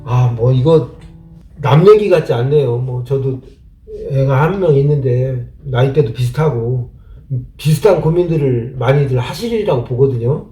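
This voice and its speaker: A man's voice: mid-range voice, normal speed. A middle-aged man hosting a channel, who reads out a viewer's letter and then gives plainspoken, reflective advice, often asking rhetorical questions. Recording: roomy, distant mic with soft instrumental music. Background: soft instrumental music.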